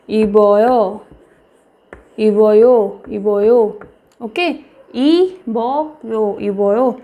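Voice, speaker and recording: A young woman teaching a language lesson, repeating each word slowly for practice. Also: high voice, dark tone. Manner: slow, repeats words for practice.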